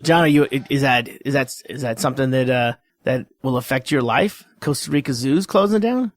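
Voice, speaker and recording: A man co-hosting a podcast, making dry jokes in a halting, casual way. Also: medium pitch. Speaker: podcast co-host and producer. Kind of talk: casual chat.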